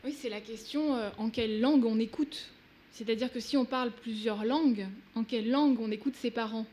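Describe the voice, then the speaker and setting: Woman author with Russian as her first language, thoughtful and halting, slightly high voice. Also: fairly even intonation, mellow. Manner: searching for words, many hesitations. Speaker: author guest. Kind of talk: reflective talk. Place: event hall.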